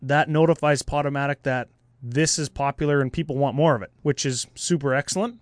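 A man's voice: a little high, brisk, no room sound, clean studio sound. A man co-hosting a podcast, easygoing and casual, walking through a giveaway and show plans. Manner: easygoing, runs the giveaway details. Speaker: podcast co-host.

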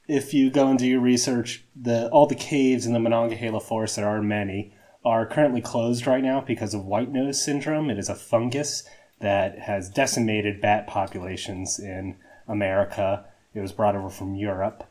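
A man's voice: medium pitch, darkish tone. A man hosting a nature podcast, chatting casually with many fillers from the small entrance of a cave, his voice carrying a cave echo. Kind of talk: casual solo field talk.

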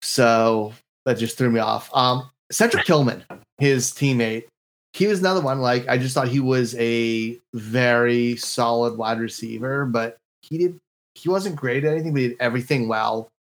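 A man's voice: medium pitch, moderate pace. A man co-hosting a casual sports podcast, talking in an enthusiastic, slangy way. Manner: enthusiastic, slangy, says "dude" and "like". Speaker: podcast co-host.

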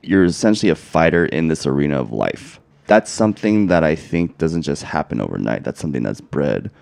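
Man, deep gravelly voice, mellow tone, slow questions. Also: big pitch swings, dry recording. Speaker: podcast host. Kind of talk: interview questions.

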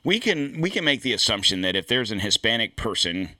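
A man's voice: on the low side, sing-song, a little fast, pushed and bright, no echo, clean studio sound. A man hosting a political commentary show, talking in a rambling, blunt way with frequent restarts and some swearing. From United States. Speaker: podcast host. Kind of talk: casual political commentary monologue.

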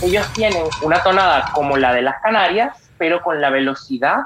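Una mujer con acento venezolano conversa de forma habladora y juguetona en un pódcast. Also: female voice, sits low, lively intonation, a little fast, music in the background. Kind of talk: casual chat. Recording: noisy recording.

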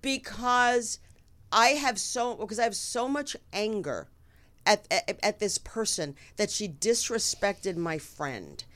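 A woman's voice: medium pitch, expressive, slow, fairly bright tone. A woman co-hosting a talk panel, blunt and fiery, swearing freely as she talks. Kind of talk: casual panel chat.

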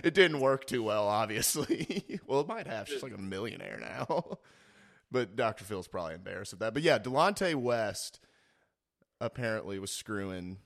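A man's voice: lowish voice, lively intonation, normal speed, vocal fry. A young man co-hosting a casual sports podcast, rambling with fillers and laughing often. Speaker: podcast co-host. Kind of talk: casual chat.

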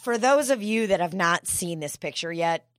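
A woman's voice: lowish voice, animated, moderate pace, no room sound, clean studio sound. A woman co-hosting a podcast, teasing and wry in casual chat, laughing easily. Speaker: podcast co-host.

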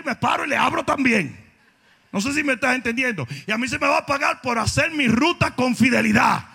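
A male pastor preaching with shouting emphasis and playful asides. His voice sits very high and cuts through bright and forceful. A husky, gravelly edge runs through it. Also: in a large hall. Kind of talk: sermon.

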